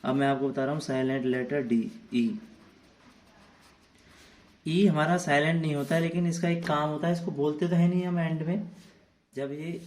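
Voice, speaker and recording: A man's voice: fairly high pitch, steady tone, moderate pace, pauses often, darkish tone. A man from India, a teacher giving a classroom lesson to children. He speaks, spells words out letter by letter and keeps answering his own questions. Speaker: English teacher.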